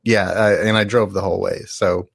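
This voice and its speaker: Male guest, tired, deep and gravelly, rambling casual talk, dry close sound. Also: little pitch movement, fairly quick, no echo. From American. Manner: rambling, self-correcting, chuckles. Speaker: podcast guest. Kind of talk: casual podcast chat.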